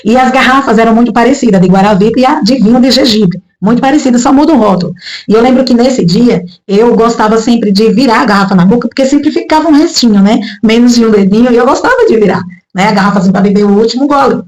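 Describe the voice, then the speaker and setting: A woman in her thirties from Brazil telling a personal religious testimony in casual talk, emotional and rising high when she quotes her own prayers, with frequent tag questions. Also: fast, a little mellow, rough recording. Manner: frequent "né?" tags. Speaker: testimony speaker.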